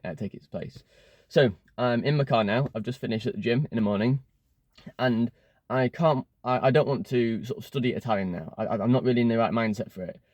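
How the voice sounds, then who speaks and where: A young Englishman with a medium-pitched, somewhat dark voice talks casually to his phone camera from inside his car. A language learning vlogger, he rambles, fills gaps, and keeps restarting his sentences. The recording is dry.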